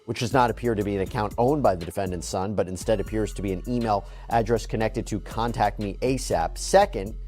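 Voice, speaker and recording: A man's voice: lowish voice, fairly quick, hardly any pauses, a little mellow, soft background music. A man giving legal news commentary, reading formal document text aloud and explaining it.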